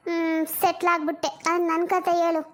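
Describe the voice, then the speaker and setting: A woman's voice: extremely high pitch, level tone, normal speed, a bit bright. A woman voicing a worried elder sister who works as a poor housemaid and lectures her younger sister with proverbs. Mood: coaxing. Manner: lectures and scolds, uses proverbs.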